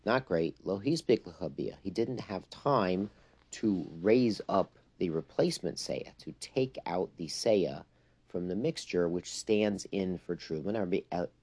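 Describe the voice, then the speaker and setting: Male religious teacher, low relaxed voice, explanatory and emphatic, informal lesson mixing English with Hebrew and Yiddish terms. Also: measured pace.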